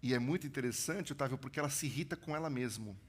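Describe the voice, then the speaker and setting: Animated São Paulo pastor preaching. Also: male voice, medium pitch, fast, slightly rough. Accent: São Paulo Brazilian Portuguese. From São Paulo, Brazil. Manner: animated storytelling, swings from loud build-ups to hushed lines. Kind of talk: sermon. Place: church stage.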